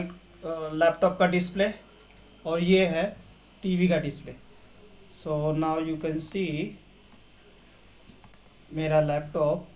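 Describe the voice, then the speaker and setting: A young man hosting a casual step-by-step tech tutorial, walking viewers through settings and dropping English terms into his explanations. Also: a little high. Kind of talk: casual screen-share tutorial.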